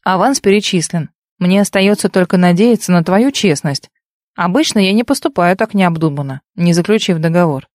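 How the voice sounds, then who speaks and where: A cold, sarcastic young man with a dry, mocking delivery, as a woman narrator reads him in an audiobook. The voice sits at a middling pitch, and the recording is close and dry with no room sound. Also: lively intonation, a little fast, dry recording, lightly acted.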